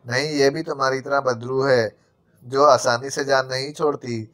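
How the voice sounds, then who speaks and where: A man's voice: medium pitch, fairly even intonation, close to an everyday voice. Brief: mocking, bloodthirsty female ghost in an audiobook, read by a man in his normal voice. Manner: taunting, sharp.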